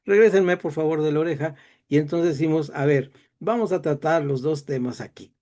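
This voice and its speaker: Wandering off on tangents and poking fun at himself, a middle-aged man with a Mexican accent teaches a Bible class in a conversational lecture. His somewhat high voice is a little mellow and moves at a moderate pace.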